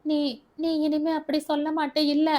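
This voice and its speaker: A frightened young bride pleads like a child, her voice lifted high above the narration. A woman reader puts her on for the audiobook. Her sobbing lines run quicker and brighter than the story around them. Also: flat delivery. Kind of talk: audiobook character voice.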